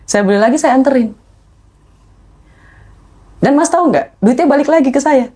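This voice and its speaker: Animated woman telling her story. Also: moderate pace, breathy edge. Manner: animated, acts out quoted voices with rising pitch. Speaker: podcast guest. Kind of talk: emotional storytelling in conversation.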